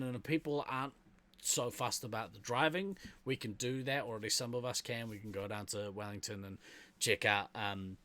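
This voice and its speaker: Bright, laid-back New Zealand man. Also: lowish voice. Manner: easygoing, rambling, laughs often. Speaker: podcast co-host. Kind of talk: casual chat.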